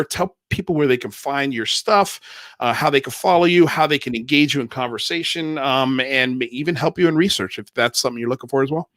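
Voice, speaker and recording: A man's voice: medium pitch, a bit bright, dry recording. A man hosting a casual interview in an effusive, informal way. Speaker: livestream host.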